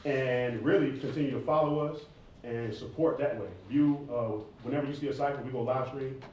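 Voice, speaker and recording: Speaking to students in a roomy indoor campus event space, this thirty-something rapper and stage performer answers audience questions in a casual, emphatic way, often repeating phrases. He has a mid-range, somewhat mellow voice with a steady tone at a normal speed. The sound is echoey and faintly noisy, picked up by a distant mic.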